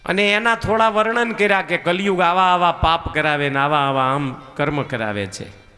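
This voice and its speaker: A male preacher tells a devotional scripture story in a high, bright voice, unhurried and sing-song. His words carry a long hall reverb, and faint music sits underneath. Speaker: katha preacher.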